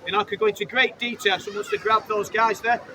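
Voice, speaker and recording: A British street preacher speaks fast in a high voice with fairly even intonation, evangelizing fervently to passers-by on a busy urban street. He presses them insistently with repeated phrases, riddles and rhetorical questions. The recording is noisy with crowd and traffic.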